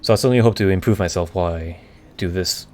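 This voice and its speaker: A man chatting casually on a live stream, answering questions in a halting way as he searches for the right words. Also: sits low, a little mellow. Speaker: streamer, VTuber. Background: background music.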